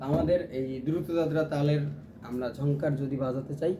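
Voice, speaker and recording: A man's voice: on the high side, fairly even intonation, brisk, background noise. A man teaching a ukulele lesson, explaining strums and chanting rhythm syllables as he plays. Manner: counts strums and chants rhythm syllables aloud while playing. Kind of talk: music lesson. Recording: loud plucked strings under the voice.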